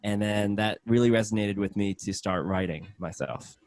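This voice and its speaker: A man's voice: on the low side, normal speed, a little mellow, no echo. A man from Hong Kong, a country singer, answering interview questions casually with fillers.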